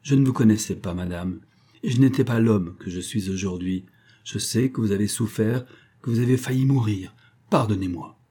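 Guy reading a sorry rich old man, all formal and gracious, low husky voice. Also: normal speed, warm tone. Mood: contrite. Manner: formal, contrite. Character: remorseful older male billionaire, courtly.

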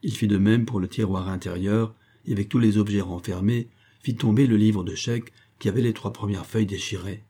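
A man narrating a novel as an audiobook, in a measured, even storytelling manner. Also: on the low side, slightly rough.

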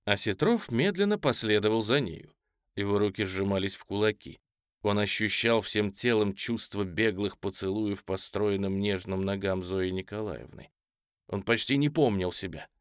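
A man with a fairly low voice reads a novel aloud in a measured, expressive way. The recording is close and dry, with no room sound. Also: clean tone, no echo. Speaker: audiobook narrator. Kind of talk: scripted literary narration.

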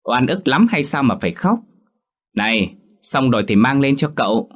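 Một người đàn ông giả giọng cô vợ trẻ kiêu căng, nói chua ngoa, khinh khỉnh. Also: male voice, mid-range voice, normal speed, pitched above the performer's own voice, natural voice. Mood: scornful. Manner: sharp, scornful. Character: haughty young woman, arrogant singer-wife.

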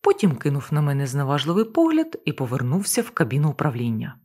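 A woman reads a first-person novel aloud as an audiobook, in a low, husky voice. Her intonation rises and falls widely, giving the narration an expressive lift. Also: quick pace. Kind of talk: audiobook reading.

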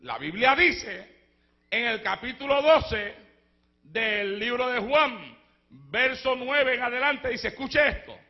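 A man preaching a fervent Pentecostal sermon as pastor, moving between shouted lines and hushed storytelling and breaking into speaking in tongues. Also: very high voice, animated, slow. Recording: dull lo-fi church recording.

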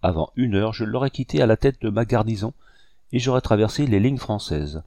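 A proud rebel commander , put on by a man reading aloud, speaks with haughty, barely held-back menace. The voice is dark and low. The recording is dry and close. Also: animated, brisk, no room sound. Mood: stern. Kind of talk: audiobook character reading.

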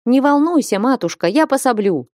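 A woman voicing a bold, strapping young northern warrior woman who speaks loudly and bluntly in an audiobook. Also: fairly high pitch, lively intonation, measured pace, no echo, studio quality, pitched above the performer's own voice. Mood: hearty. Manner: loud, hearty and blunt.

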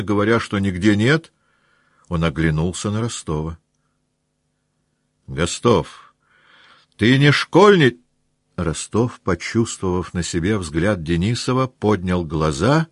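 Man, audiobook narrator, deep voice, measured reading, dry close sound. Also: no echo.

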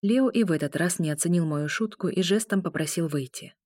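A woman reads a first-person audiobook in a steady, even way. Her voice sits on the low side. The sound is dry and close, with no room around it. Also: brisk, dry recording. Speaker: audiobook narrator.

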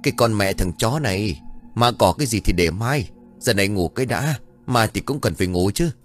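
A man's voice: lowish voice, fairly quick, faint music behind, lightly acted. A man voicing a grumpy, crude old village exorcist who curses and grumbles. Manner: gruff, cursing, bossy.

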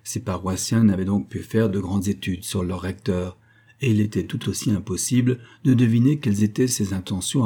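A man giving a measured, even reading of a classic novel as narrator. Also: fairly low pitch, breathy edge. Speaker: audiobook reader.

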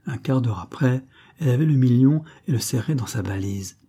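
Dark husky male audiobook narrator. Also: mid-range voice, animated, a little fast.

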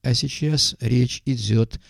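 A man reading as a reflective gravelly army doctor. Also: mid-range voice, slow pace, no room sound, clean studio sound, voice pushed up, full character voice.

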